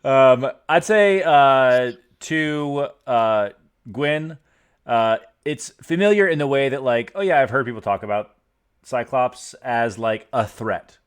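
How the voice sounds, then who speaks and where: Acting as game master in improvised tabletop narration, a man explains lore in a rambling way, heavy with fillers and restarts. His medium-pitched voice is clean in tone and slow.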